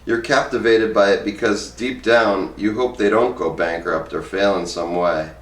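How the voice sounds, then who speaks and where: The reader, a man with a lowish voice, moves at a normal speed with fairly even intonation. He reads book excerpts casually and plainly, taking both sides of each interview in his own voice. The sound is roomy and echoey, picked up by a distant microphone.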